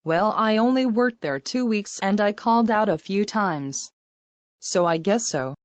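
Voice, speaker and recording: Woman, middle-aged, matter-of-fact, casual recollection, average pitch, no room echo. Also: lively intonation, unhurried. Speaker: interviewee.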